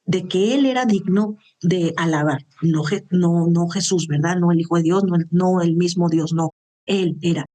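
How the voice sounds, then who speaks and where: A woman's voice: on the low side, normal speed, warm tone. A woman teaching the Bible in an earnest, conversational way, often checking in with her listeners. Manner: earnest, conversational, with frequent "¿sí?" and "¿verdad?" check-ins.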